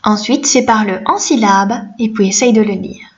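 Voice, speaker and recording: A woman teaching a reading lesson to young children, slow, gentle and encouraging. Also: medium pitch, dull audio.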